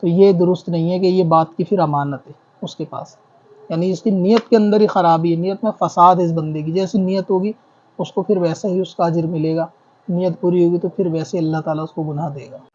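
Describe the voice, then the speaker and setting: A high-voiced man with a darkish tone and fairly even intonation explains Islamic rulings fairly quickly while answering questions. Like a teacher, he reasons step by step and repeats himself, and the lo-fi recording sounds dull.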